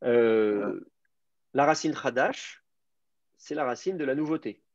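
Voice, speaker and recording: A man's voice: medium pitch, slow pace, no echo. A man teaching an advanced Hebrew class, explaining grammar and word roots with many fillers and restarts. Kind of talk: online language class. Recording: dull lo-fi sound.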